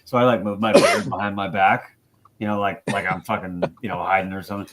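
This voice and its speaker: A man's voice: lowish voice, steady tone, brisk, very noisy. A man hosting a casual live stream, telling stories with jokes and swearing. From not from Texas. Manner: joking storyteller, swears freely. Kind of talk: casual chat.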